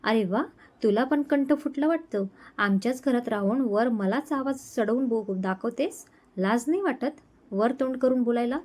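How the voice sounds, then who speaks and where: A woman's voice: on the high side, normal speed, darkish tone, lightly acted. A woman voicing a stern, harsh middle-aged aunt in a storybook reading, hurling insults. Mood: scolding.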